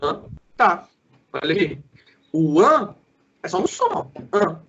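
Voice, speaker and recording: Lively high-voiced male teacher, lo-fi. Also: breathy edge. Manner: sounds out syllables slowly and quizzes the student. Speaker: school Portuguese teacher. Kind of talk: lively classroom lesson for sixth graders.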